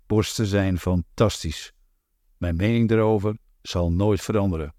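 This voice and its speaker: A man reading a literary novel aloud in a measured, deliberate way. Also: deep voice, steady tone, mellow, no echo, clean studio sound. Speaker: audiobook narrator.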